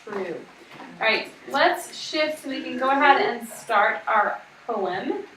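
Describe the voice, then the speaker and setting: A woman's voice: fairly high pitch, animated, slow pace, bright, forceful tone, far from the mic. Chatty woman teacher in a roomy classroom. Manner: casual, chatty, uses "like" often. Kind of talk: classroom vocabulary lesson. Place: small classroom. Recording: roomy classroom audio from afar, with background noise.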